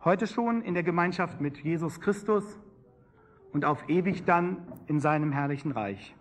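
Male preacher, fairly high voice, emphatic sermon delivery with swelling and dropping phrases. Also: lively intonation, moderate pace. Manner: emphatic, rising and falling preaching cadence.

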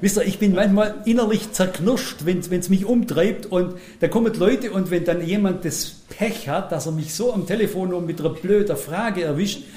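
A man preaching a sermon, blunt and self-mocking, swinging between loud emphatic lines and quiet asides. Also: high-pitched, normal speed, few pauses, reverberant.

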